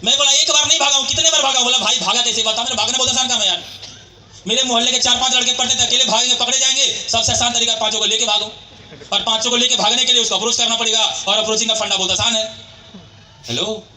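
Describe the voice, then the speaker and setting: A man's voice: very high-pitched, racing. A man giving a storytelling motivational speech to a live audience in a hall, acting out quoted dialogue and calling out to the crowd. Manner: animated, acts out quoted dialogue, calls out to the crowd. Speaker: motivational speaker at a sales meeting.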